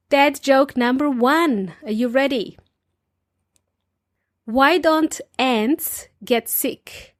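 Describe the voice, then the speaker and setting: A woman with a fairly high voice is telling a joke in a close, dry recording. She hosts an English-learning podcast and sets the joke up slowly and playfully, as question and punchline. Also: no echo. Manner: playful question-and-punchline delivery, slowing on the setup. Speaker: podcast host and English teacher.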